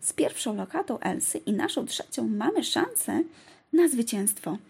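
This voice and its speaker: An eager, stubborn young princess talks with bouncy enthusiasm, as a woman reading a storybook puts her on. Her pitch leaps about, set in a husky, breathy voice with gravelly fry. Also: very animated, moderate pace, darkish tone, full character voice.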